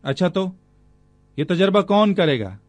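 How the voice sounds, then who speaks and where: An actor dubbing a calm male squad leader who explains things patiently. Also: high-pitched, measured pace, no room sound, full character voice. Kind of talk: Urdu dub acting.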